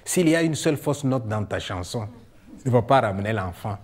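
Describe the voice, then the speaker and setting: A man voicing a calm, wise old village man who gives patient advice. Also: natural voice. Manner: slow, patient, low.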